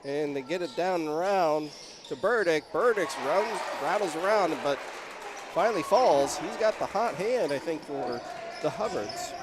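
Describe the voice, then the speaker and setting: A young man calling live high school basketball play-by-play, rising to shouts on big plays. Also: animated, moderate pace, a crowd in the background, background noise. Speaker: play-by-play commentator. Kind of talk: live sports commentary.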